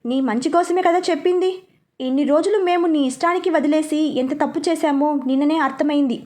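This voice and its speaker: A woman's voice: high voice, a little fast, a little mellow, lightly acted. A woman voicing a young man who speaks earnestly, regretting how he has spoiled his sister. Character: young man, brother, newly remorseful.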